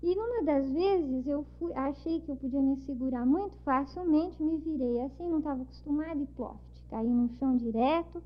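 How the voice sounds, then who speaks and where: High-voiced São Paulo woman storyteller. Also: moderate pace, few pauses. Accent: São Paulo Portuguese. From São Paulo, Brazil. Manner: lively storytelling, acts out dialogue. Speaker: interviewee. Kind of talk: recounting travel memories. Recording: dull lo-fi recording.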